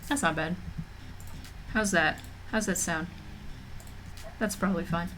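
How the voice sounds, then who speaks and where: On a casual livestream from a room at home, a young woman rambles full of fillers and restarts while she's mildly nauseous. She speaks at a measured pace in a fairly bright voice on the low side. There's slight background noise.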